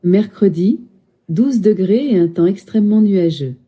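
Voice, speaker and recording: A polite female text-to-speech assistant reads out answers and weather forecasts in even, announcer-like phrasing. Her tone is warm and dark, slightly husky, at a middling pitch. She sounds played from a loudspeaker in the room. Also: unhurried. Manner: polite, evenly paced, announcer-like. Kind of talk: synthetic assistant replies.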